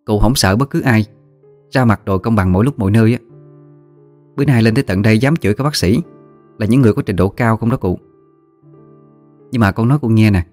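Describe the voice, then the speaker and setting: A man voicing a cheerful, admiring young woman, speaking gently and explaining. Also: fairly low pitch, lightly acted.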